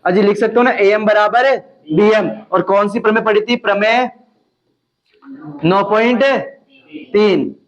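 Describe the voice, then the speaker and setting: A man's voice: sits high, steady tone, measured pace, pauses often. A man teaching a maths class, mixing the lesson with teasing jokes to his students. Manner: joking asides to students, teasing banter. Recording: dull lo-fi classroom recording.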